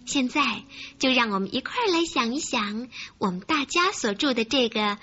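Bright, high-voiced woman telling children's stories. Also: moderate pace, breathy edge. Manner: addresses children directly, expressive, coaxing. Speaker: host of a children's story programme. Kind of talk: storytelling narration for young children. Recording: muffled recording with faint music.

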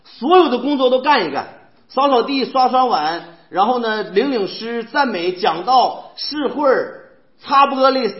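Animated high-voiced preacher. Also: male voice. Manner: animated, asks the congregation rhetorical questions. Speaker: church preacher. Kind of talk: sermon. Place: church hall. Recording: echoey, dull church hall recording.

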